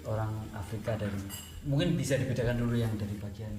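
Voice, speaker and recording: A man speaking as an interview guest in a relaxed, thoughtful way, pausing to find his words. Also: lowish voice, reverberant. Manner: measured, thoughtful, with pauses. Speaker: guest, former NGO logistics manager.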